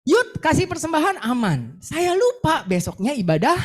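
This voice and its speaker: Lively woman preaching a personal testimony. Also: high-pitched, moderate pace. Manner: lively storytelling, acts out her own words and prayers. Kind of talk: sermon testimony.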